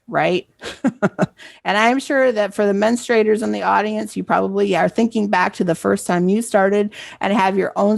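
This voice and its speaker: A woman's voice: mid-range voice, vocal fry, dry recording. A middle-aged woman, a library program coordinator, giving a presentation in a conversational storytelling way and often checking in with "right?". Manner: conversational, asks "right?" for assent.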